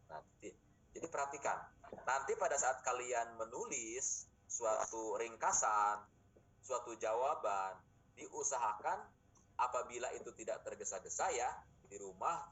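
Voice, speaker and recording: A man's voice: mid-range voice, fairly bright tone, breathy edge, poor audio. Middle-aged male lecturer teaching a class. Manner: explanatory, with rhetorical questions to students.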